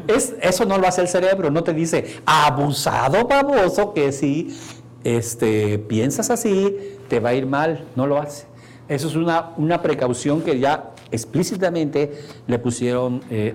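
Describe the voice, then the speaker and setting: A man teaches a seminar on neuro-linguistic programming. His voice sits slightly high, and he plays out quoted dialogue with humor. A faint hiss of background noise runs under the recording. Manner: animated, acts out quoted computer dialogue, jokey asides to the audience. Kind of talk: live seminar lecture.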